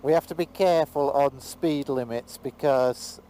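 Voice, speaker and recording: A man's voice: medium pitch, a little slow, mellow. A man with a New Zealand accent chatting casually with joking, teasing banter as he rides. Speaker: motorbike travel vlogger, rider. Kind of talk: casual chat. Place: outdoors on a moving motorbike. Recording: noisy vehicle ride, motorbike helmet audio. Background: engine and road noise.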